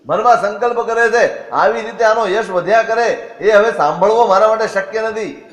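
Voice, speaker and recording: A man's voice: high voice, normal speed. Man retelling a sacred tale in a hall. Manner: expressive, asks and answers his own questions. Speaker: religious storyteller. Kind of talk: sermon storytelling. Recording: echoey hall.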